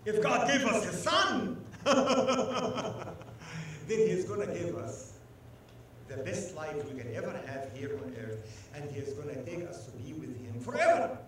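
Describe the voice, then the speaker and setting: Animated male preacher in an echoey church. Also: high-pitched, a little slow, a little hiss or hum. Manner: animated, emphatic, calls on congregation to respond. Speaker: guest preacher. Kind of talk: sermon. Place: church sanctuary. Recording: echoey church hall, mic at a distance.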